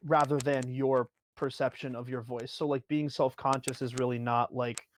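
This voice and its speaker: A livestream guest with a background in music performance gives casual advice in a mid-range, flat voice at normal speed. He phrases things hesitantly in short bursts packed with filler words, and there is slight background noise.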